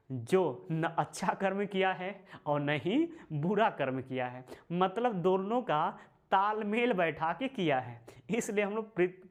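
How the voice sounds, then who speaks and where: A man teaching a history lesson for exam preparation, repeating key phrases slowly and calling viewers his brothers and friends. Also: high-pitched. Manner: slow, repeats phrases for emphasis.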